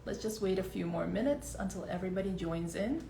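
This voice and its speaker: A woman's voice: mid-range voice, lively intonation, a little fast, vocal fry, mellow. A woman hosting a live online interview, friendly and upbeat, chatting casually while waiting for her guest. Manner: friendly, upbeat, fills waiting time with small talk. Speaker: podcast host. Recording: echoey room with faint background noise.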